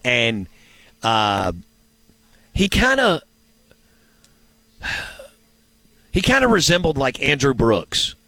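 A man's voice: mid-range voice, wildly swooping pitch, extremely slow, long pauses, bright, forceful tone, no echo. A man hosting a sports show, chatting casually and rambling as he thinks aloud and asks himself questions. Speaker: sports radio show host.

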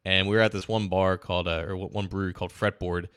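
A man with a fairly low voice co-hosts a casual sports podcast. He talks in a loose, chatty way and often restarts his sentences while telling a story. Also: level tone, quick pace, fairly bright tone, clean tone. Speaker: podcast co-host.

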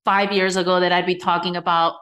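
A woman's voice: lowish voice, level tone, a little fast, fairly bright tone. A middle-aged woman from Spain, a guest telling her story in a casual interview. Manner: conversational, many fillers. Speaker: podcast guest, entrepreneur.

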